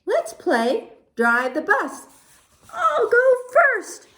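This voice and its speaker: A woman voicing a pleading, sulky pigeon from a picture book, whiny and wheedling with drawn-out words. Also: very high-pitched, huge pitch swings, a bit bright, voice pushed up, heavily acted. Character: pleading, sulky, tantrum-throwing pigeon begging to drive. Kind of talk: storybook character voice in a read-aloud.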